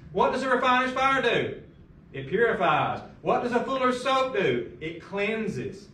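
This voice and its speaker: A man's voice: sits high, big pitch swings, measured pace, pushed and bright, roomy sound. A middle-aged man pastor preaching a sermon at a lectern, asking emphatic rhetorical questions, recorded by a far camera in a large carpeted church room.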